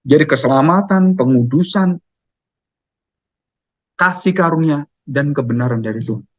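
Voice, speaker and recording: Male preacher, high voice, emphatic sermon, rhetorical questions, dull lo-fi sound. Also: normal speed.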